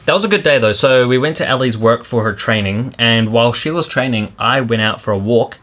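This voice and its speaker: A man co-hosting a vlog in casual chat, animated and laughing as he rants, out walking by a river. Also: medium pitch, a little fast. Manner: animated, laughs while ranting. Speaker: vlog co-host.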